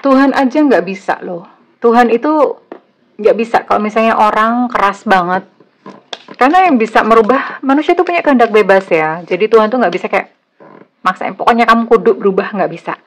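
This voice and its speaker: A woman's voice: on the high side, lively intonation, a little fast. A woman with an Indonesian accent doing a casual tarot reading for a viewer, chatty and blunt, mixing in English phrases. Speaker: tarot reader.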